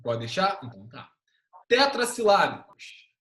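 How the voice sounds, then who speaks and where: A man's voice: high voice, a little slow. Guy teaching class online, bouncy voice, keeps going "ok?", echoey room. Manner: animated, keeps checking in with tag questions.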